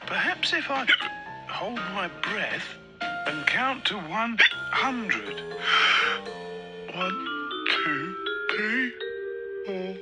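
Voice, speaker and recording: A woman voicing a polite young puppet girl bothered by hiccups, speaking softly and a little glumly. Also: mid-range voice, sing-song, drawn-out words, pauses often, loud music behind the voice, pitched below the performer's own voice.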